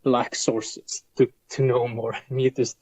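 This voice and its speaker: A man's voice: mid-range voice, flat delivery, slow, mellow. A young man from Iceland, a native Icelandic speaker, talking in a hesitant interview style and often repeating words while he searches for them. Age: young adult. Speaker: guest, folklore student. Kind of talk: casual interview conversation. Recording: dull lo-fi audio.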